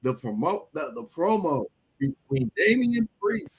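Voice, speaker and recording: A man's voice: high voice, big pitch swings, measured pace, vocal fry, husky, poor audio. A man co-hosting a casual wrestling review show, often restarting and repeating words as he talks. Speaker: podcast co-host.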